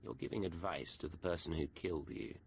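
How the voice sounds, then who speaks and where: A male actor playing a terse, guarded imperial agent with clipped, deadpan delivery in a video game. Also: low-pitched, fairly quick, creaky, slight background noise. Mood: incredulous.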